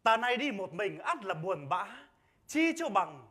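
A performer playing a patient male scholar master in a Vietnamese folk-opera, singing with drawn-out syllables and chiding gently. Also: medium pitch, sing-song. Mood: sung. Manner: sung phrases with drawn-out syllables, gentle scolding. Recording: roomy stage recording with loud music.

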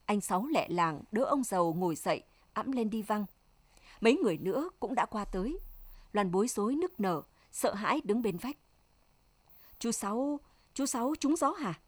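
A woman's voice: medium pitch, animated, moderate pace, husky, no room sound. A woman narrating a story like an audiobook, reading the characters' lines in her own voice.

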